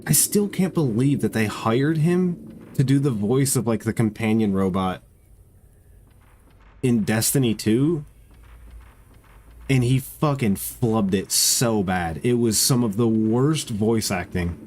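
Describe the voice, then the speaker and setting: A man's voice: medium pitch, takes it slowly, darkish tone, slight background noise. A man with a congested nose giving casual, profane, joking commentary while streaming a game.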